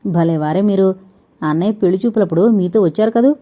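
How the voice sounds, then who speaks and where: Young wife, read by a woman: playful, chiding, mellow low voice. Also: fairly quick, muffled recording, natural voice. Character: cheerful teasing young wife.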